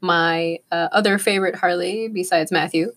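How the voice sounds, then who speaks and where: A woman's voice: lowish voice, fairly even intonation, normal speed, a bit bright. A woman in casual chat, explaining things in a matter-of-fact way.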